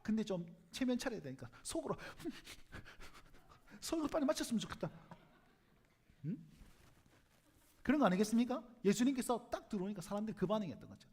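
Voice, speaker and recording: A man's voice: high voice, fairly quick, pauses often, slightly rough. A male pastor with a Gyeongsang Korean accent preaching a sermon in a church, telling the story animatedly and joking with the congregation. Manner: animated storytelling, acts out crowd voices, jokes with congregation. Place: church sanctuary.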